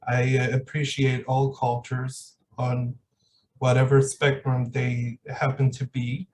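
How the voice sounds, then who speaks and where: A man hosting a podcast interview, effusive in his thanks and halting as he speaks. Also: medium pitch, completely flat delivery, darkish tone, distant mic, slight background noise, low-quality recording. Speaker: podcast host. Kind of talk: casual interview talk.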